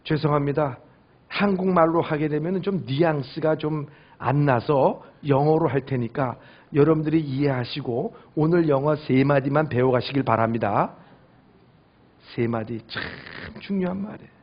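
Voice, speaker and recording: A man preaching a Sunday sermon as pastor, acting out family quotes with lively swings of voice. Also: a little high, normal speed, highs cut off. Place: church sanctuary.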